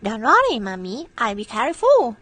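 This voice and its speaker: A woman's voice: fairly high pitch, wildly swooping pitch, moderate pace, fairly bright tone, heavily acted. A woman playing an innocent little girl in an amateur storybook play. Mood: cheerful, innocent.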